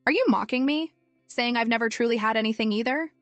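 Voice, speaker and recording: A woman's voice: fairly high pitch, fast, fairly bright tone, no echo, lightly acted. A brooding rich man murmurs with bitter self-mockery, as a woman reads him. The voice stays dry and near, with faint music underneath.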